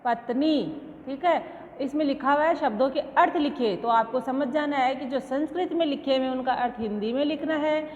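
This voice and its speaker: A woman teacher walks a class through an exercise, patiently posing each question and then supplying the answer. Her voice sits high. The recording is dull and lo-fi, with a long reverb trailing behind her. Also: normal speed, slight background noise. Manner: patient, asks questions and answers them herself. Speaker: school teacher. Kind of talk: online class lesson.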